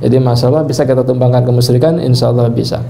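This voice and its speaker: A male preacher and healing trainer telling animated stories to a live training audience, addressing listeners directly and often breaking into devout exclamations. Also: mid-range voice, racing, gravelly. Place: indoor training session with an audience.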